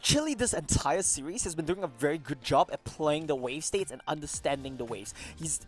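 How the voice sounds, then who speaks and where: A man's voice: a little high, expressive, fairly quick, soft background music. A man commentating on an esports desk with bantering analysis, playful and sardonic, saying his "th" sounds as "t". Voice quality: speech quirk, "th" sounds said as "t".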